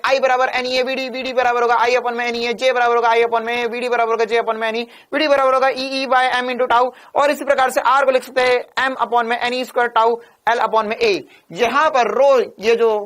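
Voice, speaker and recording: Playful, energetic male physics teacher. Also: very high voice. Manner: energetic, playful, teases and answers his own questions. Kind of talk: online exam-prep lecture.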